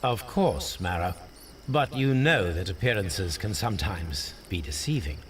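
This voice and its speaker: An actor playing a brilliant, cool-headed male detective in a video game, talking in a formal, measured way. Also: sits low, animated, distant mic, slight background noise. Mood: calm.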